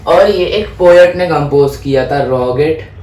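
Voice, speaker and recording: A man's voice: on the high side, a little slow, a little mellow. Man teaching history in an echoey room. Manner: mixes Hindi and English, stumbles over French names and apologizes; asks himself questions then answers them. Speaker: history tutor. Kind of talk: casual exam-prep lesson. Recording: echoey room, faint background noise.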